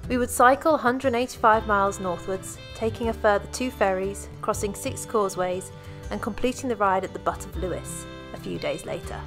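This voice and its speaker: A woman vlogs a cycling trip in an upbeat, chatty tone. Her narration sits over clear background music. Her outdoor chat has small hesitations. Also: mid-range voice, moderate pace.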